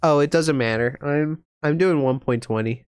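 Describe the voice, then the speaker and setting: A man's voice: fairly high pitch, normal speed, clear, resonant tone, no echo, studio quality. A young man streaming a game, chatting casually, flustered and rambling with lots of ums and restarts. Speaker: gaming streamer. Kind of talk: casual live-stream chat.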